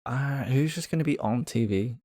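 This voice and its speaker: A man's voice: mid-range voice, moderate pace, warm tone, no echo, clean studio sound. A man co-hosting a casual podcast chat, guessing aloud in a playful way with lots of hesitation. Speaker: podcast co-host.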